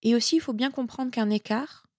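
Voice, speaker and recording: A woman speaking as a sports nutritionist guest in a casual interview. She is chatty and lively and often repeats words while she thinks. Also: fairly high pitch, fairly quick, no room sound, clean studio sound. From Italian heritage.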